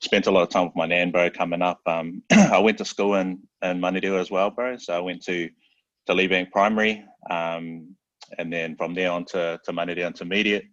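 A relaxed New Zealand man with a very low voice, talking easily as a podcast guest. He is loose and slangy and keeps saying "bro". The recording sounds dry and a bit dull. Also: fairly quick, no room sound. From South Auckland, New Zealand. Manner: laid-back, slangy, peppers every phrase with "bro". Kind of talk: casual chat.

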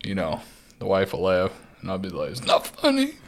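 A man's voice: sits low, huge pitch swings, normal speed. A man in his twenties co-hosting a podcast, trading joking, profane, slang-heavy banter with a friend. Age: 20s. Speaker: podcast co-host. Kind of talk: casual chat.

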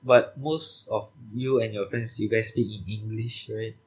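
Slightly husky, low-voiced young Malaysian Chinese man. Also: fairly even intonation, unhurried. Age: young adult. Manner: colloquial, mixes Mandarin into English, sentence-ending particles. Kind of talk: casual chat.

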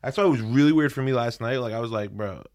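A man's voice: mid-range voice, very fast, a little mellow, lo-fi sound. A man co-hosting a podcast, rambling loosely in slangy casual chat. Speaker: podcast co-host.

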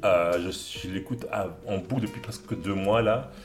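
A man's voice: on the low side, normal speed, roomy sound, faint music behind. A man co-hosting a casual chat, recommending songs and films with enthusiasm, rambling through lots of fillers and restarts. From Belgium. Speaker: podcast co-host.

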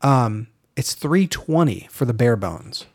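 A man's voice: mid-range voice, animated, slow pace, dry recording, clean studio sound. A man co-hosting a podcast, rambling in casual chat and trailing off with "blah, blah.". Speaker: podcast co-host.

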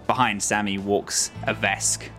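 A man narrating a tabletop role-playing game as game master, slowly describing scenes. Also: lowish voice, flat delivery, bright, forceful tone, soft background music.

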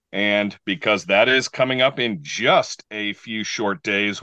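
A man's voice: on the low side, a bit bright, dry recording, dull audio. A man hosting a show in a folksy, showman-like way, announcing with emphatic phrasing. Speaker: radio show host. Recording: faint music behind the voice.

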